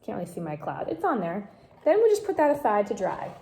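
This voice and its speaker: Gravelly-voiced woman leading a home craft tutorial. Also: mid-range voice, wildly swooping pitch, quick pace, mellow. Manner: patient step-by-step explaining, coaching a child. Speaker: craft instructor. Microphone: phone camera.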